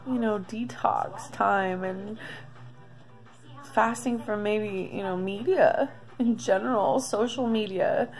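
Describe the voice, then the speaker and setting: A woman in her thirties talking through a confessional video diary, emotional and close to tears, halting with many pauses. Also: medium pitch, vocal fry, a little mellow, faint music behind. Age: 30s. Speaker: vlogger.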